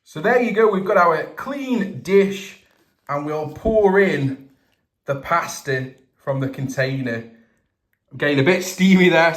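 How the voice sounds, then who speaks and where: A man giving a casual food review to camera as the host, with drawn-out, emphatic presenter phrasing. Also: on the high side. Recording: roomy, echoey indoor sound.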